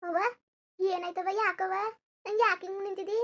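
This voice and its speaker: A woman's voice: extremely high pitch, level tone, moderate pace, fairly bright tone. Woman voicing an anxious village daughter. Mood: worried. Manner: anxious, pleading questions. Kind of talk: cartoon voice acting.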